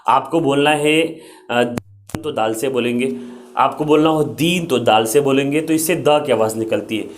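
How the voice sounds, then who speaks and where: A man's voice: medium pitch, a little hiss or hum. A young man teaching the Arabic alphabet in Urdu, patiently explaining each letter and repeating its sound.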